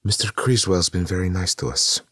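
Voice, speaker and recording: A man's voice: low-pitched, animated, moderate pace, fairly bright tone, slightly rough, no echo, clean studio sound, voice pushed up, heavily acted. A man voicing an exasperated sister who scolds her brother, in an audiobook. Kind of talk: audiobook narration.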